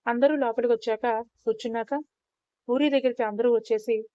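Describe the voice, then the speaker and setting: A woman narrates a written story in a steady, plain way. Her voice is mellow and a little high. It sits close and dry on a muffled, lo-fi recording. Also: fairly quick, dry recording.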